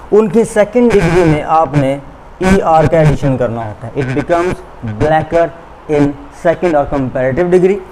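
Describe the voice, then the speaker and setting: Pakistani guy teaching english online, talks real slow, kinda high voice, mixes in quicker urdu. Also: a little mellow, a little hiss or hum, low-quality recording. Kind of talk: recorded online lecture. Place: school classroom or studio.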